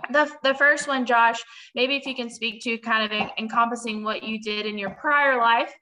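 A woman's voice: on the high side, steady tone, normal speed, sharp tone, slight background noise, rough recording. A young woman moderating a webinar Q&A on a video call, friendly, with many "um"s and restarts. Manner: friendly, many "um"s and repeated words. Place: small room. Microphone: built-in mic on a video call.

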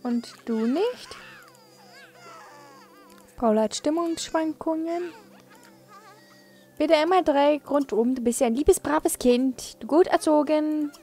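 A woman's voice: a little high, mellow. Chatty woman narrating gameplay. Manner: chatty, coaxing the game characters. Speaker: let's play host. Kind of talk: casual gameplay commentary.

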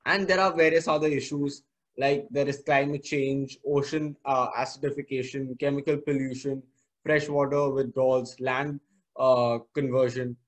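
A man's voice: mid-range voice, flat delivery, moderate pace. A teenage male student with an educated Indian English accent, giving an earnest, formal slide presentation. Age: teenager, about 16 or 17.

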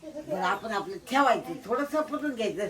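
A woman's voice: a little high, animated, moderate pace, far from the mic. A woman resident of an old-age home, reasoning and urging others to make peace. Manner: reasoning, conciliatory.

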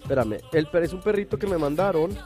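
A man hosts a live morning show in a high, bright-toned voice. He chats loosely and affectionately while reading viewer messages. Faint music plays underneath. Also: animated, fast. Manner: chatty, affectionate, reads viewer messages aloud. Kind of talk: casual live TV chat.

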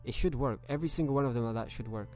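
A man's voice: medium pitch, racing, darkish tone, soft background music. A man streaming a video game live, chatting casually and greeting viewers by name.

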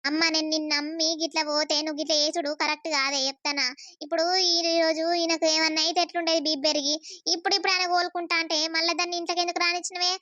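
A woman voicing a bossy middle-aged village mother-in-law who lectures and scolds rapidly. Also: very high-pitched, flat delivery, sharp tone, no room sound. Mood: scolding. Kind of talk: cartoon voice acting. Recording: slightly dull lo-fi sound.

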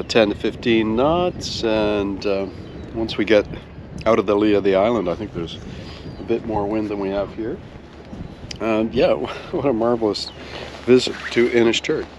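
A man from Canada narrating a sailing vlog outdoors on a boat, relaxed and chatty with many fillers. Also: on the low side, a little hiss or hum. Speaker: sailing vlogger. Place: outdoors on a sailboat. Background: music.

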